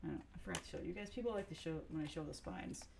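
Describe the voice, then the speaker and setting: A woman's voice: low-pitched, racing, creaky, darkish tone, slight background noise. A woman vlogger chatting casually to camera, rambling with fillers and restarts as she shows off cassettes. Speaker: music vlogger reviewing cassettes. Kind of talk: casual chat.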